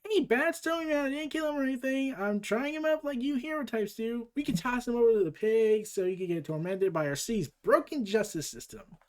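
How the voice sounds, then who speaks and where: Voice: medium pitch, brisk, few pauses, a little mellow, voice pushed up, natural voice. A comic book reader putting on the voice of a manic, cheerful female antihero who teases and rambles. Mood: gleeful. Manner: bubbly, teasing, rambling. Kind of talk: comic book read-aloud.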